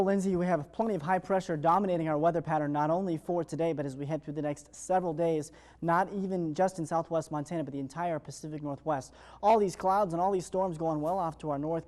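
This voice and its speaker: With a fairly high pitch and a mellow, smooth tone free of sharpness, a male television meteorologist presents the morning weather live. He talks briskly in upbeat, improvised broadcast patter.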